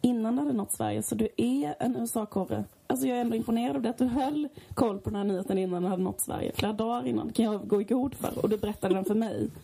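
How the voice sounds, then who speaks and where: A woman co-hosting a podcast, telling stories in an animated, chatty way. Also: a little high, creaky, few pauses, breathy edge. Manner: animated storyteller, chatty with fillers. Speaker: podcast co-host. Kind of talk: casual chat.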